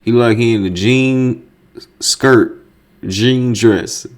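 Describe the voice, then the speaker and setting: A man giving a casual reaction commentary on a video. He is animated and incredulous, uses slang and swears often. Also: mid-range voice, takes it slowly.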